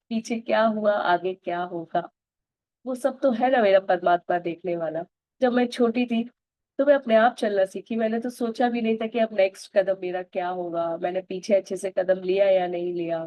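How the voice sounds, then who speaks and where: A woman leading a self-affirmation practice, speaking Hindi mixed with English and slowly repeating loving phrases to herself. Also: mid-range voice, no room sound, highs cut off.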